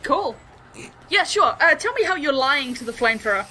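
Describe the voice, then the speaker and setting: A woman's voice: sits high, very animated, normal speed, bright, forceful tone, low-quality recording. A woman as game master narrating a tabletop game live, playful and prompting players for rolls. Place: live stage at a gaming convention.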